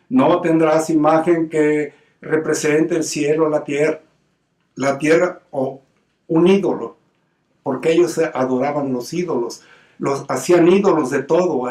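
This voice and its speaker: A man's voice: a little high, a little mellow. Mexican man, lay preacher, earnest and emphatic, stumbles over words; voice distant from the mic in an echoey room. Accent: Mexican Spanish. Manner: earnest and emphatic, with many restarts and repeated words. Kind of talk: informal sermon. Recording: roomy sound from away from the mic.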